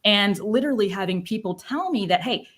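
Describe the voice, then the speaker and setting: A woman with a medium-pitched voice appears as a guest on an interview podcast, where she talks as a leadership coach. She speaks quickly with flat emphasis and frequently ends her sentences with "right?".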